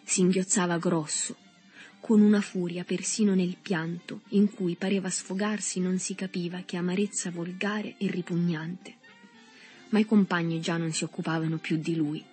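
A woman narrating a novel with a steady literary reading. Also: fairly low pitch, moderate pace, faint music behind.

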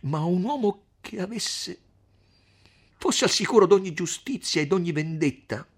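A man voicing a tearful young woman in a storybook reading, pleading in a high, strained voice. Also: expressive, measured pace, slightly rough, exaggerated voice. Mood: resolute. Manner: pleading, sobbing, high-pitched.

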